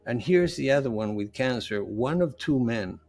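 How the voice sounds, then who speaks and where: This nutritionist and health coach, a middle-aged native Spanish speaker, chats earnestly and informally as a podcast interview guest. His mid-range voice has lively intonation and a moderate pace, sounding creaky and a little mellow.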